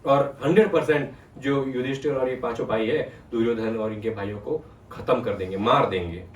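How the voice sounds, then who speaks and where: A spiritual storyteller gives an animated devotional discourse, retelling scripture and posing questions to his listeners. His mid-range voice moves at normal speed, and the distant mic picks up a roomy sound with a little hiss or hum.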